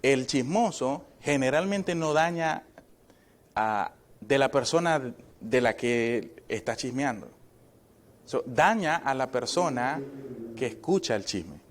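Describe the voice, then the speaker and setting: A male pastor delivers a sermon in a chatty, back-and-forth way, constantly tossing short questions to his listeners. His voice sits at an ordinary middle pitch. Joking asides come through now and then. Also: expressive, slow. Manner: conversational preaching, constant checking questions to the congregation. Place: church.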